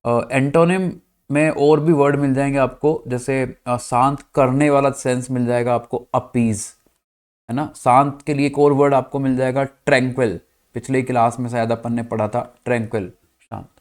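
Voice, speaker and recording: Male Indian teacher, mid pitch, Hindi-English vocabulary lesson, spells words out, checks in with the class. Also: fairly even intonation, normal speed. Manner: addresses students as "bachcha party", checks "clear?".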